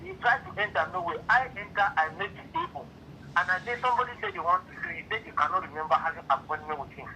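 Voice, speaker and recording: A man's voice: high-pitched, lively intonation, rapid-fire, sharp tone, slight background noise. A man talking on a phone call heard through a speakerphone, so his voice comes over a clipped phone line. He is an official explaining a delay, and he keeps repeating himself and asking rhetorical questions. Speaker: official handling an impounded car.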